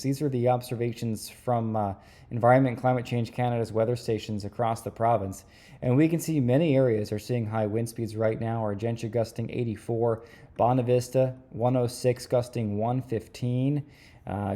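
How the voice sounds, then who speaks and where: A man talks through a weather forecast in a soft-edged, mellow voice at an average male pitch. He explains things conversationally, with hesitant pauses along the way.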